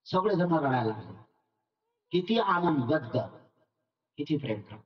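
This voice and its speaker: A man's voice: on the high side, big pitch swings, unhurried. A man, a Buddhist monk, giving a sermon at a meditation camp and telling a story, acting out each character in turn. The recording is dull, echoey and from far off.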